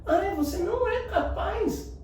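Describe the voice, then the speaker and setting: A man putting on a squeaky silly inner-critic voice. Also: expressive, a little slow, a little mellow, a little hiss or hum. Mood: mocking. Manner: mocking, childish. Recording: very echoey room, distant mic.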